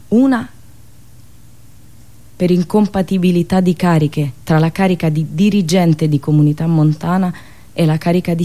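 With a warm, medium-pitched voice, a female radio host gives a satirical monologue that is theatrical in style, repeating herself and choosing ironic, deliberate phrasing.

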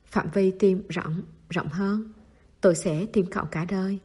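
A woman's voice: medium pitch, fairly even intonation, a little slow, a little mellow, slightly rough. A woman reading the part of a stubborn teenage boy who talks in blunt, clipped lines and gets flustered when pressed. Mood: earnest. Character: stubborn teenage boy, gruff but tender.

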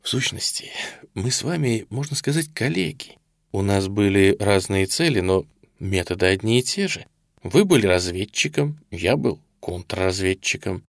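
A man's voice: low voice, expressive, normal speed, no echo. A silky, falsely friendly colonel interrogator, voiced by a man reading the book. His tone is raised and lilting, sweetened with fawning courtesy. The recording is dry and close. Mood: falsely cordial. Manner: smooth, falsely cordial, fawning. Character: sly, ingratiating middle-aged male Soviet colonel interrogator. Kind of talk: audiobook reading.

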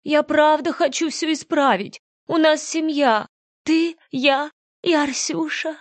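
Audiobook: woman voicing a manipulative, melodramatic seductress, high, coy and whiny, dry close sound. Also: fairly even intonation, slow, no room sound. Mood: pleading. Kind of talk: audiobook reading.

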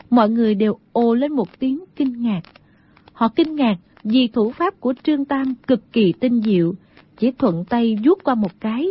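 A woman reads a novel aloud in steady scripted narration. Her voice sits a little high and sounds husky. The recording is dull and lo-fi. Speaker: audiobook narrator. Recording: dull lo-fi audio.

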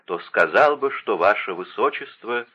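A man's voice: on the low side, lively intonation, normal speed, husky, dull audio. A man reading an audiobook voices a respectful, restrained young count who is secretly in love.

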